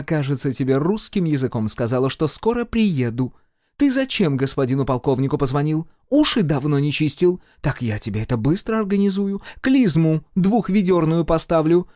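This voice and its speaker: A man voicing a fierce, sharp-tongued older woman healer who scolds and threatens, in a dry audiobook recording. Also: medium pitch, expressive, normal speed, dry recording, lightly acted. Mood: scolding. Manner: shouting threats, tongue-lashing.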